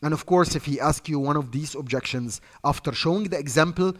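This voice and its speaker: In an echoing hall, a sales trainer with an Egyptian accent talks to his trainees fairly quickly in a slightly high voice. His instruction is off the cuff, emphatic and repetitive.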